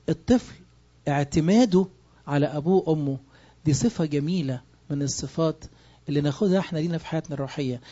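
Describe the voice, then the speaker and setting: A man's voice: fairly high pitch, warm tone, highs cut off. A man with an Egyptian Arabic accent preaching a sermon, emphatic and full of rhetorical questions. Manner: emphatic, asks rhetorical questions and answers them.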